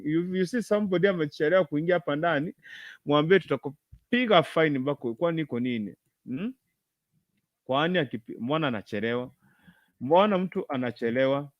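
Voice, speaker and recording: Higher-voiced Kenyan man hosting live. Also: no room sound, highs cut off. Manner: repeats phrases, mixes English with Swahili. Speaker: host of a live online gospel show. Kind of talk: informal live-stream hosting, addressing viewers.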